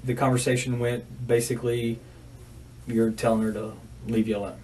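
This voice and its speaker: Man, American accent, medium pitch, methodical interrogator, repeats details, distant noisy recording. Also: level tone, normal speed, darkish tone. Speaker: police detective. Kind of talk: interrogation questioning. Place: small bare interview room, indoors. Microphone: distant room camera.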